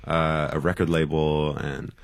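A man's voice: rumbling low, flat delivery, unhurried, gravelly, no room sound, clean studio sound. A man being interviewed as a guest musician, talking loosely and rambling in casual conversation.

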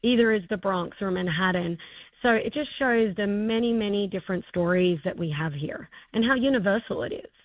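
A festival co-founder in her forties with an Australian accent answers interview questions enthusiastically, full of fillers and restarts. Her hoarse voice is mid-range and a little fast. It's a dry, tinny phone line with no room sound.

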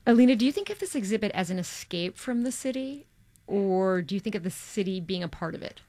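A woman's voice: medium pitch, expressive, a little fast, dark tone, dry recording. A woman from New York hosting an interview, asking direct, curious questions with a light playful touch. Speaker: radio interview host. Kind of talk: conversational interview.

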